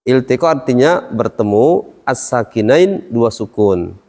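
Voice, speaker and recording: A man's voice: mid-range voice, expressive, a little slow, a little mellow. A man teaching a class, explaining step by step and quizzing his students. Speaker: Quran recitation teacher. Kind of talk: classroom lesson. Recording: long reverb hall.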